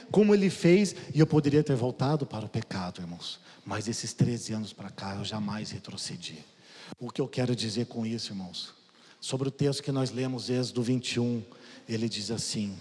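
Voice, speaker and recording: Man, emotional testimony sermon, loud-soft swings, middle pitch, reverberant church hall. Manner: emotional, swings loud and soft, says "cara" and "irmãos" often. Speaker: preacher giving testimony.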